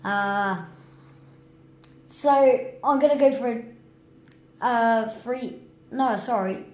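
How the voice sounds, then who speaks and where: A woman's voice: on the high side, slow pace. Chatty woman hosting a football podcast. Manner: chatty, hesitant with restarts. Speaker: host. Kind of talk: casual football prediction chat. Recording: echoey room, faint noise.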